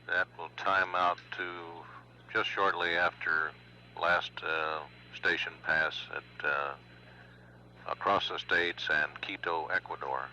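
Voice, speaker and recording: A man giving formal, measured spaceflight status commentary as a mission control announcer, with hesitant pauses. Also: sits low, steady tone, bright, forceful tone. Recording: dull lo-fi broadcast, faint hum.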